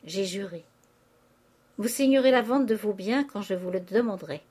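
A woman's voice: medium pitch, normal speed, mellow, husky, natural voice. A woman reading aloud, voicing a distraught young aristocratic wife making a tearful confession. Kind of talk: audiobook character reading.

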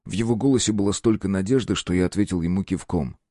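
A man reading a first-person story aloud with measured, steady storytelling. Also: low voice, no echo, clean studio sound. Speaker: audiobook narrator. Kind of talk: first-person scripted narration.

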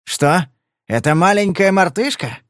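A man's voice: sits high, expressive, measured pace, fairly bright tone, dry recording, clean studio sound, pitched above the performer's own voice. A male reader voicing a blunt, scarred thug who growls his threats. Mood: gruff. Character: thuggish, scarred male brawler, blunt and menacing.

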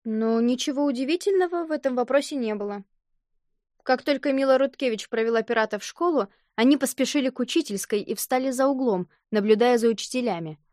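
Woman narrator for a kids' audiobook, fairly high voice, dry close sound. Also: brisk, a little mellow, dry recording. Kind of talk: audiobook reading of a children's story.

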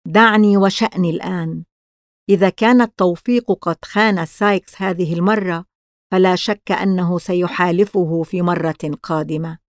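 A woman's voice: fairly low pitch, fairly even intonation, moderate pace, no echo, studio quality, lightly acted. A woman reading the part of a drunk, defiant young woman in a thieves' gang, speaking bitterly, in a storybook reading.

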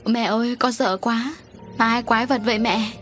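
A woman voicing a frightened young girl in an audio story, shrieking high and loud. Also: fairly even intonation, moderate pace, faint music behind, close to an everyday voice.

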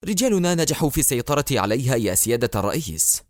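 A man voicing a deferential male war minister, speaking low, hushed and respectful. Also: big pitch swings, racing, no echo, studio quality, close to an everyday voice.

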